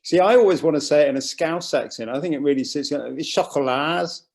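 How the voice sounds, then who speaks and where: A man's voice: on the high side, quick pace, darkish tone. A man from England hosting a casual interview, chatty and jokey, often restarting his questions. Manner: jokey, chatty, with false starts.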